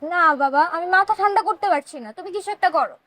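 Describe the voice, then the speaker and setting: An actress playing a fed-up, hot-headed young daughter who complains indignantly. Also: female voice, very high voice, lively intonation, quick pace, fairly bright tone, dry recording. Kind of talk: TV drama acting.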